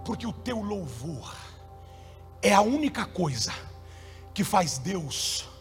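A male pastor preaching a sermon, moving between loud shouted passages and quiet, soft storytelling. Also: high-pitched, very animated, slow pace, soft background music.

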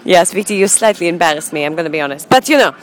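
A woman's voice: on the low side, expressive, rapid-fire, lightly acted. A woman performing as a flamboyant, brash cabaret diva, theatrical and gushing in comic banter for an audio postcard. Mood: gushing, catty. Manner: theatrical, gushing, calls listeners darlings.

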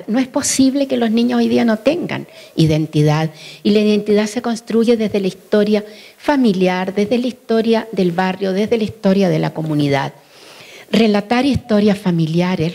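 A woman's voice: medium pitch, darkish tone. An older woman speaking to an audience about raising young children. She talks expressively, keeps asking her listeners questions and acts out the people she quotes. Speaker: speaker on early childhood education. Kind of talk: talk to an audience.

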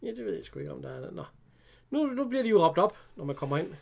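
A man with a high, gravelly voice retells an old film in a relaxed chat. He talks in an animated way and acts out the characters' lines as he goes.

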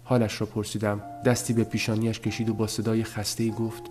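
A man with a fairly low voice reads a story aloud as an audiobook. His telling is measured and subdued, and soft music plays faintly underneath. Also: completely flat delivery. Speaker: narrator. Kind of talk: audiobook narration.

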